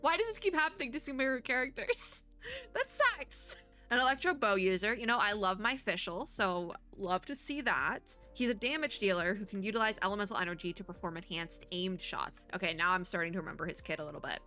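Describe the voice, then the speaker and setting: Reacting to a game as a VTuber host, a woman chats casually in a bright, forward voice of medium pitch, speaking a little fast. She rambles animatedly, thinking aloud as she alternates between reading and commenting, while music runs underneath.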